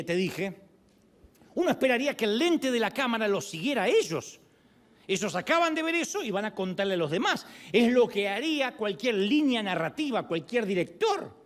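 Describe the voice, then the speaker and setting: A male pastor preaching a sermon, telling the story with humor and playful asides. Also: sits high. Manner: animated storytelling with humor and acted quotes.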